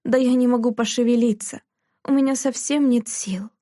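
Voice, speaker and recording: A woman's voice: on the high side, fairly even intonation, normal speed, no echo, clean studio sound, pitched above the performer's own voice, close to an everyday voice. Woman voicing a frail injured mother. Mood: weak plaintive. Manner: weak, soft and plaintive. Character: frail, injured middle-aged mother, gentle.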